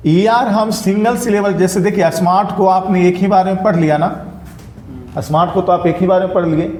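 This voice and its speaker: A fairly high-voiced male teacher lectures a classroom in a mellow tone. He drills his students, asking again and again whether each point is clear. The recording is roomy and echoey. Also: steady tone, brisk, slight background noise. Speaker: English teacher. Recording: echoey classroom room sound.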